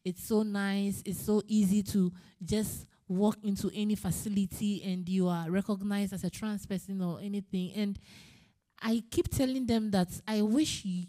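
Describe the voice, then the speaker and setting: A woman from Ghana speaking earnestly and personally on a panel, pausing and restarting as she talks. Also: medium pitch, steady tone, mellow. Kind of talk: panel discussion. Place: conference room.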